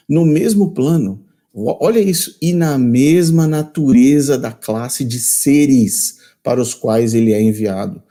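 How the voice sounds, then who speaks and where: Very dark-voiced emphatic Brazilian man. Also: medium pitch. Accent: Brazilian Portuguese. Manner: emphatic and repetitive, restating lines; scornful. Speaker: channel host. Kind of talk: critical commentary reading quotations aloud.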